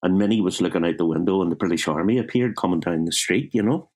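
A husky, deep and slightly mellow voice moves at a quick pace as a Belfast-accented writer in his fifties, from Northern Ireland, relates wry, self-deprecating stories of his childhood. It's a casual interview, and he often restarts his sentences.

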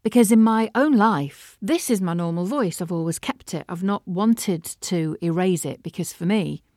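A middle-aged woman with a Mancunian accent, hosting a casual solo podcast from her studio, chatty and animated. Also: on the low side, normal speed, no echo. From Manchester, England. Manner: chatty and animated, laughs often. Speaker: podcast host and voiceover artist. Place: home studio.

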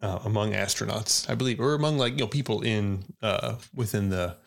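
A man's voice: fairly low pitch, a little fast, creaky. A man co-hosting a podcast in casual chat, mostly listening and adding dry, sarcastic quips. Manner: dry, sarcastic quips between steady back-channel. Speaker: podcast co-host.

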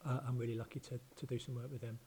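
A man's voice: mid-range voice, little pitch movement, racing, darkish tone, slight background noise. A man hosting a podcast in a chatty, hesitant, self-deprecating way, in an open marble-floored room that echoes like a bathroom. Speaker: podcast host. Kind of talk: informal podcast talk.

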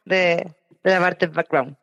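A woman's voice: lowish voice, steady tone, gravelly, fairly bright tone, dry recording. Chatty Chilean woman, dull dry sound. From southern Chile. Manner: chatty, quick, frequent eh fillers. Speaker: engineering director guest. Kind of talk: casual interview chat.

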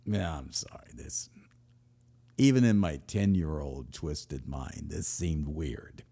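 A man hosting a podcast, telling a comic story in a wry, self-mocking way, swinging between loud and murmured. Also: rumbling low, takes it slowly, creaky, breathy edge. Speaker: podcast host, author.

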